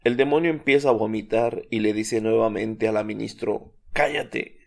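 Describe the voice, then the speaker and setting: A man giving a measured, solemn scripted narration of a religious account. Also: lowish voice, gravelly, darkish tone.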